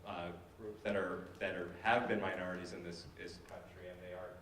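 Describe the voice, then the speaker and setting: A man's voice: deep voice, little pitch movement, brisk, a bit bright, distant mic, slight background noise. A man speaking on a panel discussion, hesitant with many fillers and restarts. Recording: echoey hall, voice from afar.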